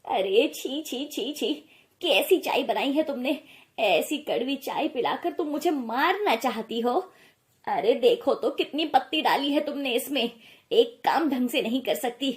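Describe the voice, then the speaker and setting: A woman voicing a harsh, complaining middle-aged mother-in-law in an animated story, speaking in a sharp, scornful, nagging way. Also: sits high, measured pace.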